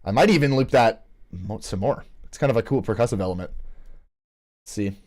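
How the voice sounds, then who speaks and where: A man's voice: fairly low pitch, brisk, darkish tone. A man in a casual commentary as a music producer, talking to himself with fillers and restarts. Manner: rambling self-talk with fillers and restarts. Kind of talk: casual screen-recorded commentary.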